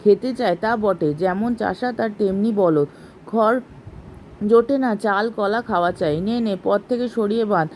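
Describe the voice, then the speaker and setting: A stingy old village priest sneers and brushes people off with mocking, curt words, read aloud by a woman. The tone stays mellow, at a middle pitch. It belongs to a storybook reading. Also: unhurried, a little hiss or hum, natural voice, poor audio. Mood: scornful. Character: scornful, stingy village priest, older man.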